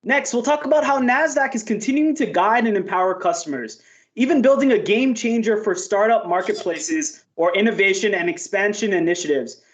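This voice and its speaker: A man's voice: high voice, fairly quick. A man hosting a webinar, reading upbeat prepared lines. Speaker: host.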